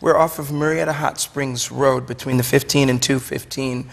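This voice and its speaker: Speaking at a normal speed with a steady, mid-range tone and some vocal fry, this Brooklyn-accented man is a wine shop owner being interviewed. His explanations come across chatty and enthusiastic, and the room adds a long, hollow reverb.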